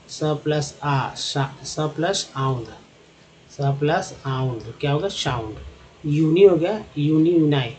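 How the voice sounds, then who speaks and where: A man with a Hindi accent teaching English phonics, building words slowly from spelled-out parts and repeating each one. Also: a little high, a little mellow, slight background noise. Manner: slow, repetitive, drawn-out explaining.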